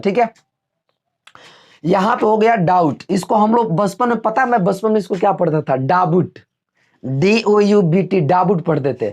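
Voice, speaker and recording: A man teaching a video class in a loose, conversational way. He turns to the students with quick questions and supplies the answers himself. His tone is homely and relaxed, with everyday comparisons. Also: high-pitched. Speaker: English teacher. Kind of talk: classroom-style video lesson.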